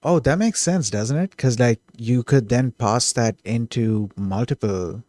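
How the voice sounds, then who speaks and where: Excitable man puzzling over code aloud. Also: medium pitch, measured pace, no echo, studio quality. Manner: excitable, self-correcting, trails off and restarts. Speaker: streamer coding live. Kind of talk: thinking aloud while coding.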